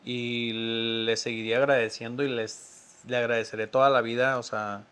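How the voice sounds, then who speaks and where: A man's voice: mid-range voice, level tone, normal speed, fairly bright tone, clear, resonant tone. Sincere man. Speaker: podcast guest. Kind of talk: personal storytelling in conversation.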